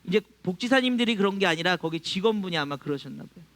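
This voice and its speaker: A man's voice: sits high, lively intonation, fast, a bit bright. A male pastor preaching a sermon to his congregation, acting out quoted voices and chuckling often. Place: church.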